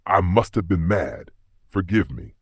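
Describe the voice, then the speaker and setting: A man plays a contrite young husband, earnest and pleading. The voice is low and husky, close and dry. It is an audiobook mystery. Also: lively intonation, measured pace, no echo, exaggerated voice.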